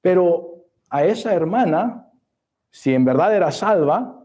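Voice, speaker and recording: A man's voice: high voice, expressive, a little slow, warm tone. A male pastor preaching a sermon in church, rising to emphasis and quoting scripture in formal old-style phrasing. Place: church sanctuary.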